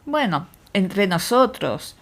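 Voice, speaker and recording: Una mujer que lee en audiolibro a un médico rural alegre y afable, que habla con exclamaciones efusivas. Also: female voice, mid-range voice, big pitch swings, takes it slowly, heavily acted. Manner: effusive, exclamatory. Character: jovial exuberant male country doctor.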